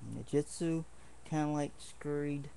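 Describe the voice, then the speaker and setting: Slow, rambling earnest man. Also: fairly high pitch, creaky, warm tone, slight background noise. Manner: rambling, earnest, with many restarts. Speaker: martial arts hobbyist showing swords. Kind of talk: casual home video demonstration.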